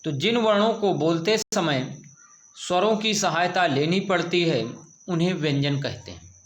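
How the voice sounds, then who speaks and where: Male teacher, slow deliberate delivery, fairly high voice, asks and answers his own questions, echoey room. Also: lively intonation. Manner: patient, asks questions then answers them. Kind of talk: slow classroom grammar lesson.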